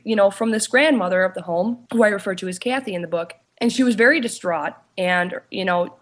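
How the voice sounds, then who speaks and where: A woman speaking in a mid-range voice describes her life as a paranormal investigator and author during a casual interview. She often hesitates with "you know" and reworks her sentences.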